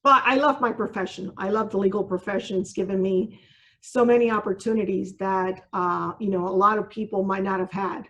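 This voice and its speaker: A woman's voice: mid-range voice, steady tone, a little fast, a bit bright, highs cut off. A woman in her sixties, originally from Cuba, answering interview questions as a judge in an earnest, reflective way, with frequent ums and you-knows.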